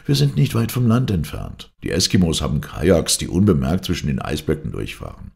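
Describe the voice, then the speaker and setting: A man's voice: a bass voice, huge pitch swings, fairly quick, gravelly, darkish tone, heavily acted. Man voicing a stubborn ship commander. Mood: insistent. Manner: emphatic, insistent.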